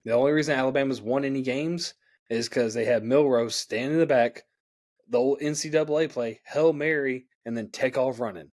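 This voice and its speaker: Guy cracking jokes on a sports podcast, mid pitch. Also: brisk, a little mellow. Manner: joking, trash-talking. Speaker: podcast host. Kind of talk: casual sports chat.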